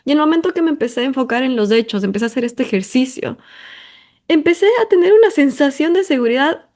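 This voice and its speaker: A woman from Ecuador, hosting a personal monologue in an emphatic, talkative way full of intensifiers and fillers. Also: high-pitched. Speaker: podcast host.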